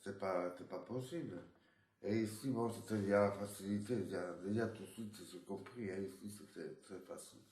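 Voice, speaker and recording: A man's voice: on the low side, brisk, darkish tone. A man from Spain with a Spanish accent, telling his life story in a casual interview, rambling with many restarts and tag words. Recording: roomy echo.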